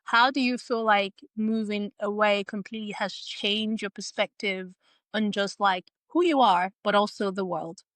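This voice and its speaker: Woman host from africa, musing questions, lots of likes, mid-pitched, dry close mic. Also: unhurried, fairly bright tone, no room sound. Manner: musing and reflective, many filler likes. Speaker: podcast host. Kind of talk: casual interview questions.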